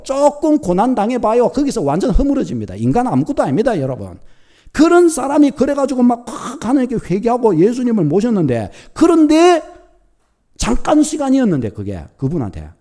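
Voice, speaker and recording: A middle-aged man preaching a sermon as pastor, telling a story with lively acted-out quotes. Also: very high voice. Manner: animated storytelling, acting out quoted thoughts.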